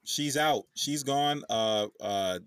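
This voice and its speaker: A man's voice: mid-range voice, slow, a bit bright, clean tone, dry recording, studio quality. A man co-hosting a casual movie podcast, upbeat and steering the talk along. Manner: upbeat, steers the talk, says dude a lot. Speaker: podcast co-host.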